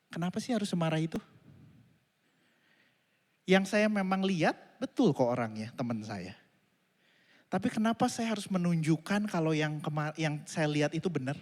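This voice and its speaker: A man preaching a sermon, telling a family story in an animated way and addressing the congregation directly. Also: fairly high pitch. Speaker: pastor. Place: church auditorium. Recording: reverberant hall.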